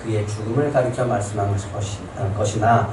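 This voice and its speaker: A male pastor preaching a Sunday sermon, telling stories and acting out people's complaints with animated shifts in voice. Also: fairly low pitch, fast, roomy sound, distant mic, background noise. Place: church sanctuary.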